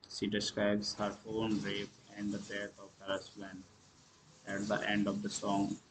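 Monotone man reading a film recap. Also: fairly low pitch, background noise. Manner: halting reading with slips and restarts; clears throat and coughs between lines. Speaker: movie review channel host. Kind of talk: read-aloud film summary.

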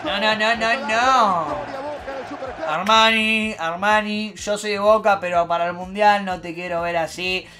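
Excitable young Rioplatense man, high voice. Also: unhurried. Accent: Rioplatense Spanish. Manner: excitable, swearing, shifts from loud outbursts to mutters. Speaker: streamer. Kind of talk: live match reaction stream.

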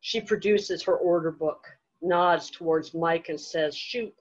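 Woman reading her story slow and careful, dull lo-fi sound. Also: fairly low pitch, fairly even intonation. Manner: measured, deliberate reading. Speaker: author reading her fiction. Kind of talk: literary reading aloud. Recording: dull lo-fi event audio.

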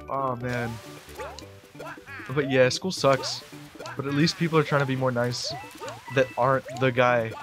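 A man rambling through casual gameplay commentary, excitable, with sudden yelps and outbursts. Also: mid-range voice. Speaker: gamer doing a Let's Play.

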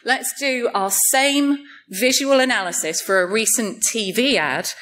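A woman's voice: fairly high pitch, measured pace, a bit bright. Wry woman giving a conference talk. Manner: wry, light-hearted, jokes at her own expense. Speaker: conference speaker.

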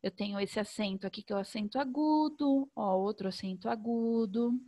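A Brazilian woman teaching young children remotely, sing-song and slow, stretching out sounds so they can follow. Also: a little high, dark tone. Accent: Brazilian Portuguese. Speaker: primary school teacher.

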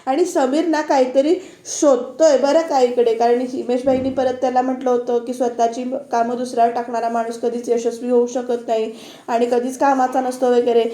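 A woman's voice: fairly high pitch, level tone, normal speed, mellow, roomy sound. A woman reviewer giving a casual recap of a TV serial episode as a voice-over, talking straight to her viewers in a chatty way. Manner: chatty retelling that addresses viewers directly.

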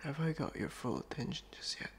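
A man's voice: on the high side, sing-song, a little fast, vocal fry, a little hiss or hum. A man with an Indonesian accent doing a whispered role-play as a teasing boyfriend, swearing and laughing between lines. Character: playful boyfriend bothering his partner. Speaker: ASMR roleplay creator.

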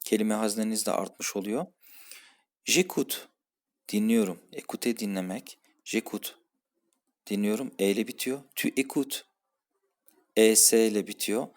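A man's voice: fairly low pitch, a little slow, long pauses. A man teaching French grammar, patiently saying each verb form and then its translation. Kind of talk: explaining French grammar for a Turkish-speaking class.

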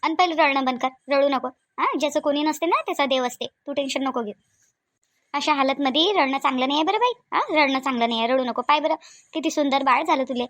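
A high-voiced, fast-talking village mother figure, middle-aged and speaking with a Varhadi Marathi accent, voices a cartoon role. Comforting and fussy, she keeps coaxing and repeating herself. The sound is close, dry, slightly bright, and echo-free.

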